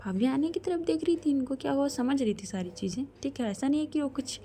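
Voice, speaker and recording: A woman's voice: high-pitched, fast talker, warm tone, a little hiss or hum. A woman narrating a story in a chatty, casual way, talking straight to listeners. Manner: chatty, addresses listeners directly.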